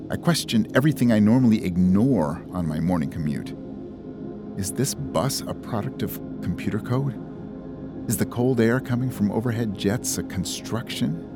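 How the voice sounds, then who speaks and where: A young man with a fairly low voice tells a first-person story with a measured, introspective delivery. Clear music plays behind him throughout.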